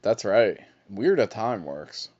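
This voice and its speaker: A man's voice: fairly low pitch, very animated, takes it slowly, darkish tone. A man co-hosting a podcast in casual chat, rambling and joking, swearing now and then, recorded in a shop basement. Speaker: podcast co-host. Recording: muffled lo-fi podcast audio.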